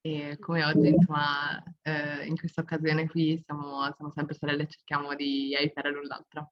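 A woman's voice: sits low, monotone, moderate pace. A woman in her twenties chatting casually as a podcast guest, with effusively thankful, devout turns of phrase. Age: 20s. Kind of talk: casual interview chat. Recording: dull lo-fi call audio.

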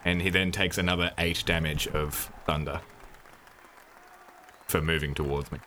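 A man's voice: very deep voice, steady tone, normal speed, pushed and bright, a faint crowd, slight background noise. A man playing in a tabletop game, dry and understated. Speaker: player. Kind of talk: tabletop role-play.

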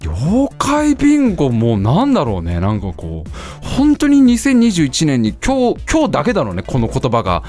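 A man's voice: a little high, wildly swooping pitch, moderate pace, few pauses, darkish tone, soft background music. A man hosting a live stream, chatting casually, reading out viewer answers and laughing often as he muses aloud.

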